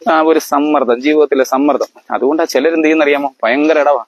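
Man quizzing his family, fairly high voice. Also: fairly even intonation, dry recording. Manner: quizzes listeners, keeps asking if they understand; halting, with fillers and restarts. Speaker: family elder explaining to family. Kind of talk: lecture-like family talk.

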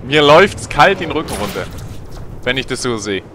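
Bright-voiced man, casual gamer. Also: medium pitch, moderate pace, a little hiss or hum. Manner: colloquial, slangy, swearing, excitable. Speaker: let's player. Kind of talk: casual gameplay commentary.

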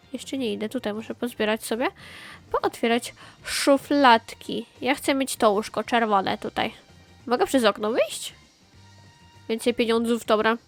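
Chatty higher-voiced woman narrating gameplay. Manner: chatty, talks to herself, quick exclamations and repeated phrases. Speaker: gaming channel host. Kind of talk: excited gameplay commentary.

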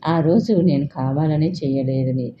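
A woman's voice: deep voice, fairly even intonation, moderate pace, natural voice. A woman voicing a young male boss who pleads with the woman he loves, in an urgent, pleading manner. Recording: dull, faintly hissy recording.

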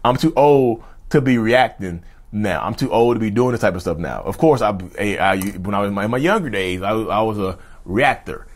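Emphatic man in his thirties, lowish voice. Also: lively intonation, brisk. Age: 30s. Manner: emphatic, repetitive, addresses viewers as y'all. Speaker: mental health channel host. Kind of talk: direct-to-camera advice talk. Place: indoor studio with backdrop.

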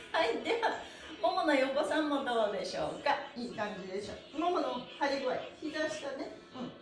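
Very animated and speaking at a moderate pace, this high-voiced stretching instructor runs a live exercise class on a livestream, cheerfully encouraging people, laughing a lot, chanting counts and politely giving body parts playful honorifics. A camera mic a few metres away in a small wooden-floored, bare-walled room picks up heavy echo and faint background music.

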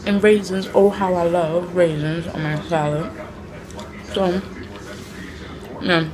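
A young woman talks to her phone camera from inside a friend's home, relaxed and unhurried. She speaks at a very slow pace with a slightly low voice. Clear voices and room chatter carry in the background. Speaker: vlogger. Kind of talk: casual chat. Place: indoors at a friend's house.

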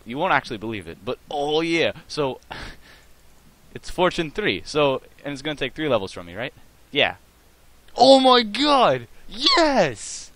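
A man giving casual, rambling gameplay commentary, full of fillers and restarts, with bursts of excitement. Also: fairly low pitch, background noise. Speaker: let's play host.

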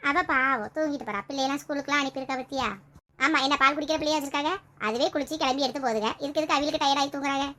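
A woman's voice: sits high, rapid-fire, pushed and bright. A woman, playing nagging, scolding family members in a comedy family skit.

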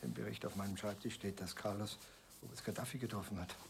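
A man's voice: lowish voice, fast talker, gravelly, slight background noise. An actor in a German film dub playing a stern, distrustful male state security official who speaks curtly. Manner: curt, authoritative.

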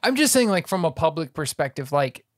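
A man's voice: on the high side, big pitch swings, a little fast, no echo, clean studio sound. A man co-hosting a podcast in casual chat, joking and explaining researched details. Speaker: podcast co-host.

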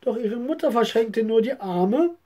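A woman reading a story aloud in an expressive way, now and then correcting herself. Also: a little high, a little slow.

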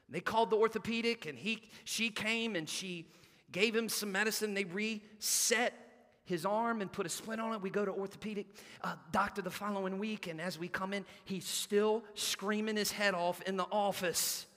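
A middle-aged pastor, preaching a sermon and telling a family story in an animated way. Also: male voice, sits high, normal speed. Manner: animated storytelling, acting out quotes. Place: church sanctuary. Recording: long church reverb.

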